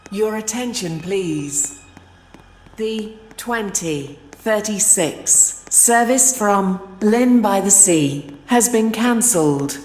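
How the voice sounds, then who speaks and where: A woman's voice reads out train announcements over a station loudspeaker, slow and carefully paced. Her words ring through a long, echoing hall with clear train noise behind. The delivery stays even and measured throughout. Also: mid-range voice. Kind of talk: automated railway announcements.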